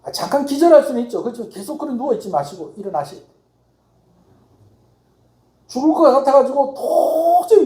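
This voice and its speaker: A man's voice: very high voice, warm tone. A middle-aged man preaching a Sunday sermon as pastor, emphatic, acting out little dialogues. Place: church sanctuary. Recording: echoey church hall.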